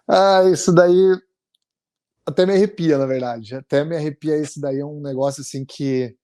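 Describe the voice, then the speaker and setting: A man in his forties with a Brazilian Portuguese accent, telling his story as an interview guest in a halting, earnest way with many restarts. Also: on the high side, fairly even intonation, warm tone. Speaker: interviewee, immigration client. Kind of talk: emotional conversational storytelling.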